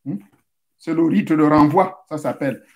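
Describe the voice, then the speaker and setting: Male spiritual teacher, high voice, didactic, talks straight to listeners, repeats steps. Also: normal speed. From Central Africa. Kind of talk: instructional talk.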